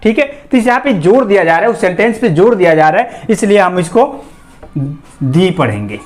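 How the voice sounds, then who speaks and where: A man teaching English grammar, asking questions to the class, answering them himself, and reading example sentences slowly word by word. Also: high voice, very animated, faint music behind. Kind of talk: explanatory classroom lesson.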